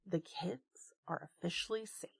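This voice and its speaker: A woman's voice: lowish voice, moderate pace, creaky, fairly bright tone, breathy edge, dry recording. A woman narrating a tabletop game as game master, describing events dramatically.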